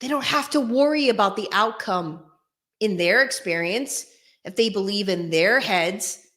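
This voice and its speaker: A woman hosts a casual advice video in a slow, deliberate delivery with a bright, forceful voice. She speaks straight to her listeners with emphasis. The room is bare and echoes noticeably around her words. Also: mid-range voice, lively intonation. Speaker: host. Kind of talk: casual direct-to-viewer advice talk. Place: echoey room without carpets or soundproofing. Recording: echoing bare uncarpeted room, faint music.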